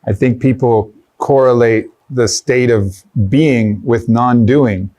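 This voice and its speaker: A man's voice: medium pitch, fairly even intonation, slow pace, mellow, far from the mic. A man hosting an interview, speaking reflectively and agreeably, sometimes searching for words. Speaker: podcast host. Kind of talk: interview conversation.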